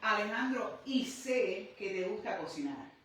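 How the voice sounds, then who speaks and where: A woman's voice: mid-range voice, animated, a little slow, a bit bright, a little hiss or hum. A woman hosting a livestream interview, speaking earnestly to an online audience. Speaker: host. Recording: very echoey room, far from mic.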